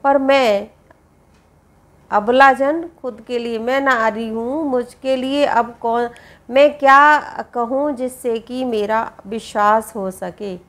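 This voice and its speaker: A woman teacher giving a poetry lesson. She reads each verse line, then explains it slowly in plain words, often repeating herself. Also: on the high side, steady tone, a bit bright.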